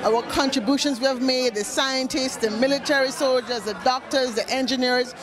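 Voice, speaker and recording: A woman's voice: high-pitched, moderate pace. A woman speaking as an event founder in an interview, earnest and emphatic, repeating phrases like a speech. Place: event red carpet. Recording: lively crowd noise behind.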